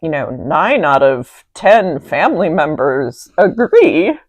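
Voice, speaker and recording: Low, lively woman, wry and unhurried. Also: no echo. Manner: animated, wry, searching for words. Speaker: co-host. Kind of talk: casual conversation.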